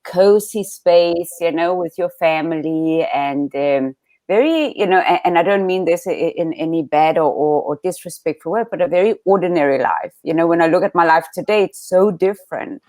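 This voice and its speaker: A woman's voice: on the low side, moderate pace, dry recording. A woman from Denmark with a Danish accent, reflecting on her life as an interview guest, speaking with restarts over a video call. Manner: reflective, warm storytelling with restarts. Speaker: guest coach. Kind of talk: interview conversation.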